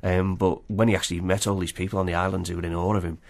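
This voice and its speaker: A man's voice: sits low, level tone, racing, vocal fry. A man with a Liverpool accent chatting informally as an interview guest, peppering his talk with 'you know'. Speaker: interview guest, film fan and exhibitor. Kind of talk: casual chat.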